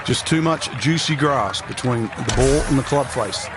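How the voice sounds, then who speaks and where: A male golf analyst speaks in a conversational, explanatory commentary style. His pitch sits in the middle range. Clear outdoor ambient noise runs behind the voice. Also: moderate pace, a crowd in the background.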